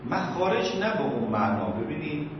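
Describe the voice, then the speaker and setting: A man's voice: a little high, big pitch swings, background noise. Man teaching in an echoey hall. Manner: conversational, explains with examples. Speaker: religious teacher. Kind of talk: informal Q&A lesson. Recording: echoey hall, distant mic, dull sound.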